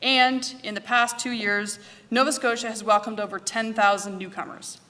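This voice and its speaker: At a podium microphone in a large conference hall, a woman hosting the event opens the conference by briskly reading a formal list of sponsor thanks, then gives a welcoming speech. Her voice is fairly high, steady and sharp in tone, and the microphone sometimes drops out.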